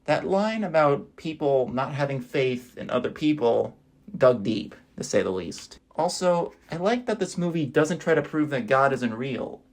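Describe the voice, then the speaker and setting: A man's voice: medium pitch, big pitch swings, unhurried. A man giving a casual, wry voice-over review of movies he watched, with dry asides.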